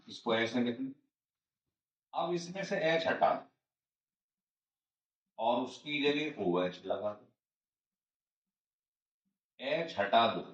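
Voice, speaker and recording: A man giving a chemistry lecture, explaining each step over and over and answering his own questions. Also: medium pitch. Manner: repetitive step-by-step explaining, asks and answers himself. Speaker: chemistry teacher. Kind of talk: classroom lecture. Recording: roomy, distant and dull-sounding.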